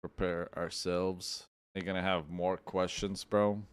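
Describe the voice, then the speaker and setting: A man's voice: deep voice, level tone, unhurried, clear, resonant tone, dry recording. A man hosting a livestream, chatting laid-back with viewers while he edits podcast clips. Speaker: streamer and podcast host. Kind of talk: casual livestream chat.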